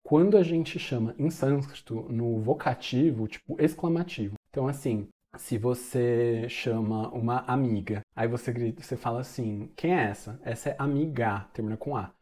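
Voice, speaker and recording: Mellow-voiced monk explaining a mantra. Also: male voice, mid-range voice. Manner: conversational, chants the mantra slowly in places. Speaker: Buddhist monk teacher. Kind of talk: casual explanatory teaching video.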